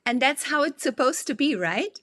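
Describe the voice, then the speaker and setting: A woman's voice: high voice, expressive, normal speed, pushed and bright, dry recording, studio quality. A non-native English-speaking woman with a foreign accent, chatting in an interview and searching for her words. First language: not English. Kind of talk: conversational interview.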